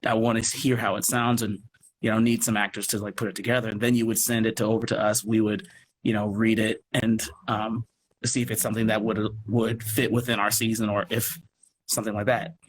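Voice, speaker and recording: A theatre company producer, interviewed as a guest on a noisy live video call, talks fairly quickly in a lowish voice with little pitch movement. His casual chat is emphatic and enthusiastic, full of restarted sentences and asides.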